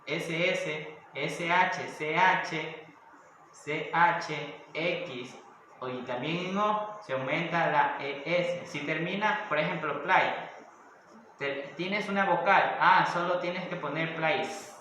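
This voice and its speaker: A man's voice: on the high side, slow, sharp tone. A man teaching a grammar lesson, explaining step by step and often checking in with questions. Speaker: English teacher. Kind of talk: recorded classroom lesson. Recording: echoey room with faint noise.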